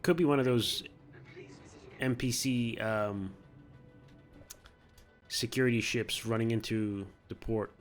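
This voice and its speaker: A man of medium pitch giving casual gameplay commentary, coaching himself through each careful step with little chuckles. Soft music sits faintly underneath. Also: slow pace, pauses often. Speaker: gameplay video host.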